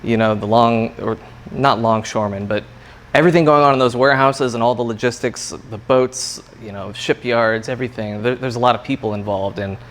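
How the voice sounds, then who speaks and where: A man's voice: mid-range voice, brisk. A man working as a coffee roaster, explaining things in a casual interview chat with loose, hesitant phrasing. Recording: clear background room noise.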